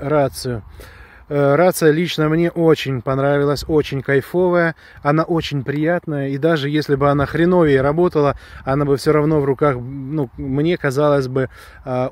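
This man's voice is mid-range and a bit mellow, with no room sound. He's a vlogger reviewing a walkie-talkie on a handheld phone outdoors, rambling casually and eagerly in slang on a grassy hillside among pines.

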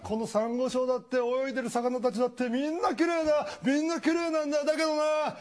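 A man's voice: extremely high pitch, fast, pitched above the performer's own voice. A man voicing a brash, teasing 150-year-old male sea turtle in a comic retelling. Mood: gentle.

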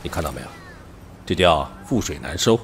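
In a Chinese audio drama, a man voices a stern, cautious middle-aged police officer and father who scolds emphatically. His very deep voice is animated and fairly quick, with a reproachful mood and slight background noise.

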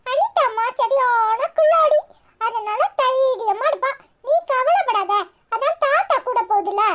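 A woman's voice: extremely high pitch, expressive, unhurried, fairly bright tone, a little hiss or hum, pitched above the performer's own voice, exaggerated voice. A woman voicing a cheeky, bossy but caring little boy in a cartoon, with a Tirunelveli Tamil accent and chirpy childish chatter. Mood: coaxing.

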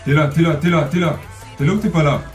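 A man giving excitable gameplay commentary, swearing and yelling at opponents as he plays. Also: on the high side, fast, distant mic. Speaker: gamer. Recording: echoey room, voice off-mic, music underneath.

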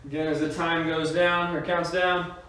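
He's an aerobics instructor coaching a workout, urging people on and barking short cues as he exercises. The voice is a little high and sharp-toned, delivered flat at normal speed. It was captured in a small, bare-walled home gym indoors, where the room echoes, the mic is distant and faint noise lingers.

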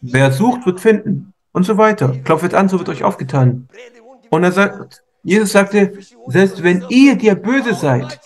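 A man's voice: high-pitched, animated, measured pace. A man interpreting a sermon live, speaking fervently, repeating himself and restarting words as he goes.

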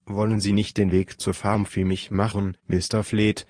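A man reading a calm, decisive adventurer leader. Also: fairly low pitch, no echo, studio quality, natural voice. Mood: firm. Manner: firm, measured, commanding. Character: calm, decisive male adventurer leading the search. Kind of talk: audiobook reading.

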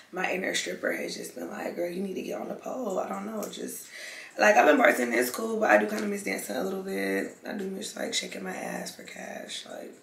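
A woman's voice: lowish voice, creaky. Slangy young woman chatting while eating. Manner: loose, slangy and swearing, chewing between lines. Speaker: vlogger. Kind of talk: casual mukbang chat to camera. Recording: echoey room, faint background noise.

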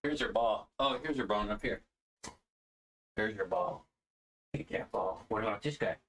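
A man's voice: moderate pace, a bit bright. Man cooing baby talk at his puppy. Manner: sing-song baby talk to a dog, swooping up high. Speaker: gaming channel host. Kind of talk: casual vlog talking to his dog.

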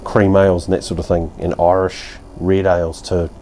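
Deep-voiced laid-back New Zealand man. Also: little pitch movement, moderate pace, dark tone, a little hiss or hum. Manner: laid-back, blunt, rambling with fillers and mild swearing. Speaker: beer reviewer. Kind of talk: casual review monologue. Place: covered outdoor home bar, daytime.

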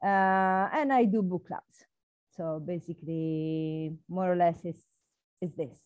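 Slow Italian-accented woman on a call. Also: on the low side, darkish tone, no room sound. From Italy. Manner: slow, many "uh" fillers. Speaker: book club participant. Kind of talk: casual self-introduction on a video call. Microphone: video call. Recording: dull dry call audio.

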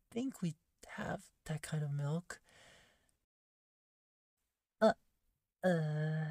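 Timid hushed catgirl maid, acted by a woman, shy waitress, soft ASMR role-play, halting, very slow, low-pitched, close mic. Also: no echo. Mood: shy, eager. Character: shy, flustered catgirl maid waitress craving head pats. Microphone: close, dry microphone.

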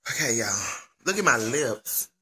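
A woman hosts a casual home vlog, talking straight to her viewers with a very bright, piercing tone. Her pitch swings widely as she chats. She stammers and restarts while her mouth burns from spicy food. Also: lively intonation, a little slow. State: mouth burning from spicy noodles. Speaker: vlog host.

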